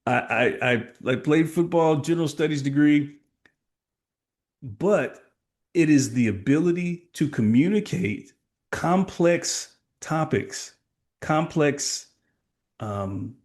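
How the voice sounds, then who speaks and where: Slightly high, expressive and slow, with a darkish tone, this is the voice of a middle-aged Texan sales coach. In a podcast interview he delivers emphatic, motivational answers and asks rhetorical questions.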